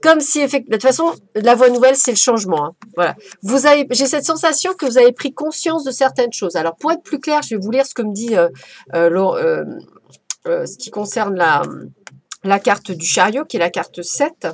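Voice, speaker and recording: A woman's voice: on the high side, expressive, moderate pace. A woman giving a casual, playful oracle card reading as a medium, chatty and effusive. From France.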